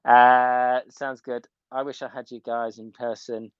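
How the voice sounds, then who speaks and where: A man's voice: medium pitch, level tone, a little slow, clear, resonant tone, no room sound, highs cut off. A man working as a hairdressing instructor gives an informal, step-by-step live tutorial, repeating key points for emphasis. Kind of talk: live video tutorial, casual step-by-step demonstration. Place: indoors at home.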